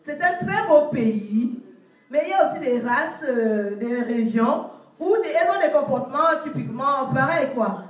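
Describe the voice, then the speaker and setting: A woman from Cameroon with a Cameroonian French accent, telling animated stand-up stories and acting out village characters. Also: high-pitched, unhurried. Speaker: stand-up comedian. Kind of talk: stand-up storytelling. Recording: echoey room from far off.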